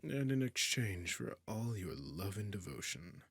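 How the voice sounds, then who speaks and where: A man voices a very deep, gravelly dragon king, an imperious and possessive suitor who is menacing yet courtly, in a heavily acted fantasy roleplay scripted for the listener. His husky, breathy growl swings widely in pitch, sounds a bit bright and drops into whispers, with slow, formal, commanding delivery, deliberate pauses, and a stern mood. The recording is dry and studio quality.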